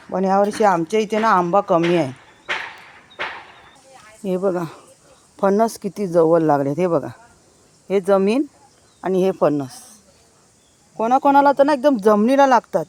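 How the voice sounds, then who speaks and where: A woman's voice: medium pitch, a little mellow. A married woman vlogging outdoors among village gardens, chatting to viewers as she films on her phone and keeps pointing things out. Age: adult, married. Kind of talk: casual walking tour vlog.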